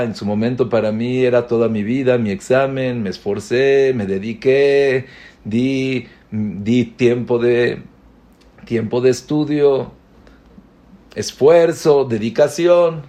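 A man delivers an inspirational religious talk at an unhurried, measured pace. His pitch sits in an ordinary middle range. He leans on repetition, stacking short phrases one after another to drive each point home. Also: warm tone. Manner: slow, deliberate, repeating phrases for emphasis. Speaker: religious speaker.

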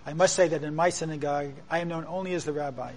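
Higher-pitched man hosting, earnest and exhortatory. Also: fairly even intonation, quick pace, slight background noise. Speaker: show host, rabbi. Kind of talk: interviewing and addressing viewers.

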